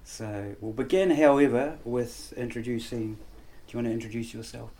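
A man hosts a casual radio show, speaking haltingly in short phrases with pauses. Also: mid-range voice, warm tone. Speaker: radio host.

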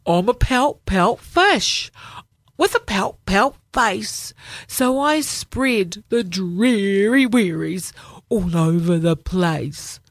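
A woman voicing a glum, gloomy male fish who mopes through a slow, sing-song refrain. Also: mid-range voice, animated, dry recording, clean studio sound, heavily acted.

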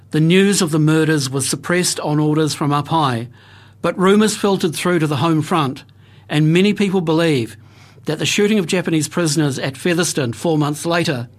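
A man's voice: on the high side, normal speed. Grave New man reporting. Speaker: radio reporter. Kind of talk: scripted documentary narration.

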